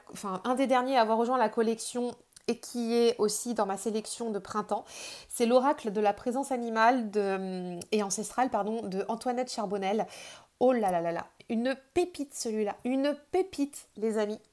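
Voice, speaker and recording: A woman with a French accent casually showing her tarot decks, chatty and hesitant, with many fillers and restarts. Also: fairly high pitch. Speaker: tarot video host.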